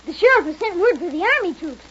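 A young performer playing an excitable boy of the Old West in a 1930s radio drama. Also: very high-pitched, fast talker, heavily acted. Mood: excited. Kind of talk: 1930s radio Western acting. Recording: muffled, hissy 1930s radio recording.

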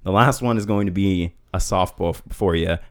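A man with a fairly low voice hosts a relaxed podcast chat. He runs a quiz on old quotes from the show and keeps breaking into laughter as he reads them. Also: normal speed. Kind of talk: casual chat.

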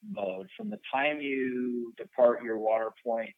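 A man in his fifties, a helicopter pilot with a fire department, answering interview questions thoughtfully and pausing to search for words. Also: mid-range voice, expressive, vocal fry, no echo. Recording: tinny phone line.

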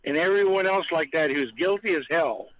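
A male caller on a tinny phone line who rambles on with emphasis and restarts his sentences as he goes. His voice sits a little high for a man, and it sounds dry and narrow. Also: brisk, no echo. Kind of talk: call-in political rant.

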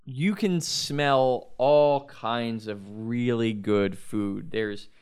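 A man narrating a tabletop role-playing game as game master, in a loose, halting way with many fillers and restarts. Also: medium pitch, a little mellow, smooth.

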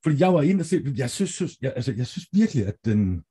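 A Danish man co-hosting a podcast in casual chat, upbeat and lively, egging on his co-host. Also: mid-range voice, crowd noise.

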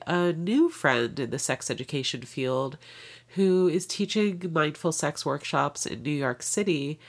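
A woman's voice: low voice, vocal fry. A woman hosting a podcast while sick with a cold, her voice nasal and congested, talking in a chatty, upbeat way. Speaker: podcast host. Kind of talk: casual podcast intro.

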